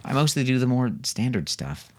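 A man's voice: medium pitch, big pitch swings, normal speed, voice pushed up, natural voice. A man reading an audiobook, voicing a patient, weary soldier father who jokes with his family.

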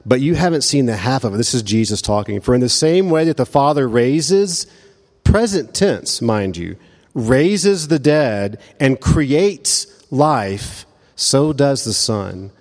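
Man, pastor, sermon, conversational, self-interrupting, middle pitch, long hall reverb. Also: lively intonation, darkish tone. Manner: conversational, self-interrupting, slows for emphasis on quoted scripture.

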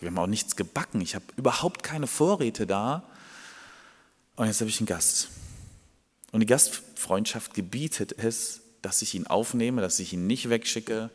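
A man plays a flustered man caught without food for a guest, worried and then insistently pleading. His voice sits low. It echoes through a large hall. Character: flustered man begging a friend for bread at night.

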